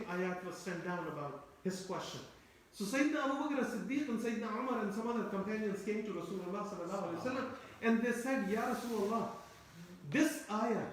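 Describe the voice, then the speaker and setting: A Quran teacher whose first language is Turkish gives a tafsir lecture in a high voice. He explains patiently, repeats phrases, and poses rhetorical questions to his listeners. The room is very echoey, and he sounds far from the microphone.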